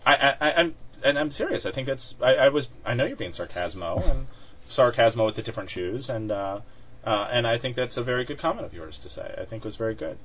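A man's voice: mid-range voice, lively intonation, fast talker, fairly bright tone, slight background noise. A man co-hosting a podcast in casual chat, talking with many fillers and restarts and laughing often. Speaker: podcast co-host. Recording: dull lo-fi sound.

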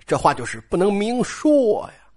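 Chatty storyteller retelling a classic novel, animated pitch, talks straight to listeners. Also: normal speed.

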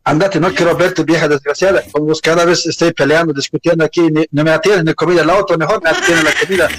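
A man's voice: a little high, steady tone, fast talker, a bit bright, slight background noise, lightly acted, poor audio. A man playing a crude cheating husband in a comedy radio sketch, blunt and insulting. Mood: angry, dismissive. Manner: blunt, insulting, repeats commands.

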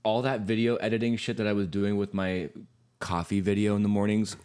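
A man co-hosting a casual podcast, talking in a relaxed, drawling way with a hoarse morning voice. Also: on the low side, brisk. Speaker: podcast co-host. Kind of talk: casual chat.

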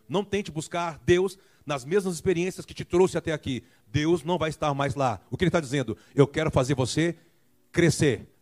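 Brazilian male pastor, sermon delivery, emphatic, slightly raised pitch, playful asides. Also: darkish tone. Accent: Brazilian Portuguese. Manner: emphatic preaching with calls for amen; acts out voices and jokes playfully. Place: church.

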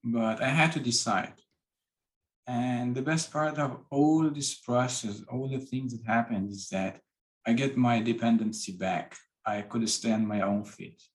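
A man from Iran talks in a relaxed interview. His pitch sits mid-range, and he works through phrasing with plenty of restarts. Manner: halting, with restarts and non-native grammar. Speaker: guest. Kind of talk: casual interview talk.

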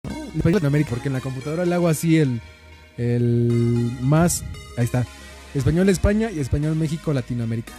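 A man's voice: fairly high pitch, fast, dark tone, faint music behind. A man with a Mexican Spanish accent, bantering and teasing with heavy slang and swearing. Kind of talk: casual chat.

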